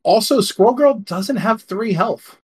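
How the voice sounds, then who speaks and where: A man co-hosting a podcast in casual chat, reading card text in a deadpan way. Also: high voice, unhurried, slightly rough. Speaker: podcast co-host.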